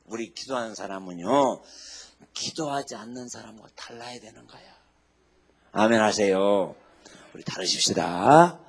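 A male pastor preaching a sermon emphatically, swinging between loud exhortation and low quiet asides and calling on the congregation to say amen. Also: expressive, a little slow. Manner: asks the congregation to say amen and repeat lines.

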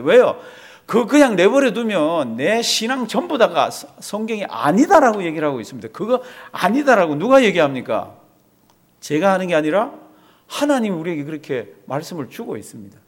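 A man preaching a sermon with a lively, animated voice that leaps up and drops low. His pitch sits a little above that of most men. He keeps putting rhetorical questions to his congregation. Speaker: pastor.

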